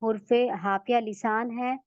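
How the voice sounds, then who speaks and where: A woman teaching Quran recitation in an online lesson, patiently repeating sounds slowly for her students to copy. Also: on the high side, fairly even intonation, no room sound, highs cut off.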